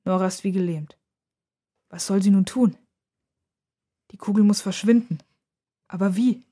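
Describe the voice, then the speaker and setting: A woman reading a children's story aloud as narrator, in a calm, measured telling. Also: mid-range voice, breathy edge.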